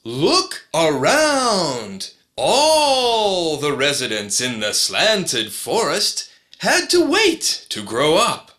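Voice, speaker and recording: Wise forest elder, very slow, sing-song, bright performer voicing. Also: mid-range voice, wildly swooping pitch, heavily acted. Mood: gentle. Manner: soothing, encouraging. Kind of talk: storybook reading.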